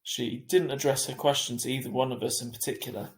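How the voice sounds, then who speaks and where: Like a teacher, a man reads a children's novel aloud in an expressive, audiobook-style narration, animated and acting out the dialogue. His mid-range voice is brisk, and the rough recording has an echoey room.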